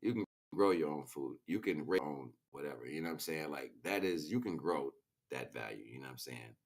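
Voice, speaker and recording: Rumbling low, expressive and brisk, this male livestream host talks back to his viewers in a slangy, rambling, preachy way. It's a casual yet impassioned monologue.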